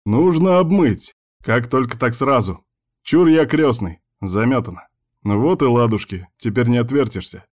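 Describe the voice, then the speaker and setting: A man's voice: medium pitch, lively intonation, measured pace, a little mellow. A man voicing a jokey, teasing male friend in an audiobook, brash and laughing as he mocks. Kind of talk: audiobook character voice.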